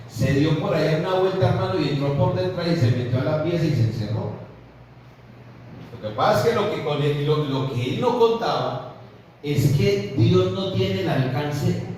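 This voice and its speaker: A man's voice: on the high side, darkish tone, slight background noise. A man with a Colombian Spanish accent preaching a fervent sermon to his congregation as pastor, often addressing them as brother. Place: large church hall. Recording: echoey hall, voice from far off.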